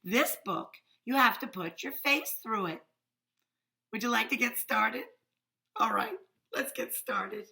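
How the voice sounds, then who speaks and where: Female children's reader, sing-song and slow, bright voice. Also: on the high side, creaky. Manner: warm, sing-song, drawn-out emphasis. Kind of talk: reading a picture book aloud to children.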